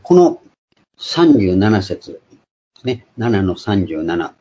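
A man preaching a sermon, emphatic and shouting out quoted cries. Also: on the low side, sing-song, very slow, slightly rough. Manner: emphatic, raises voice sharply for quoted exclamations. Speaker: pastor. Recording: dull lo-fi recording.

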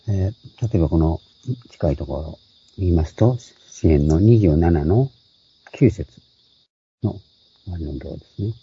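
Older male preacher, low dark voice, patient explanatory delivery, dull lo-fi recording. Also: breathy edge. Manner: unhurried explanatory, pausing often with fillers. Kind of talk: Bible teaching sermon.

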